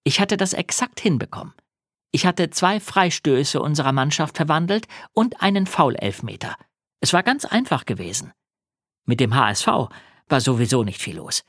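A man reading a first-person children's story aloud in animated storytelling. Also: fairly high pitch, normal speed, no room sound, studio quality. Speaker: audiobook narrator. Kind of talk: scripted first-person narration.

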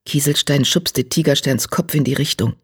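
An audiobook narrator reading a story in an even, measured way. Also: mid-range voice, slightly rough.

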